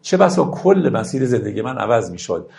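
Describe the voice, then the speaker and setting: A man giving a lecture on classical verse, reciting lines slowly and then explaining them in a conversational tone. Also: medium pitch, very animated, gravelly, darkish tone, slight background noise. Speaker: teacher of classical poetry.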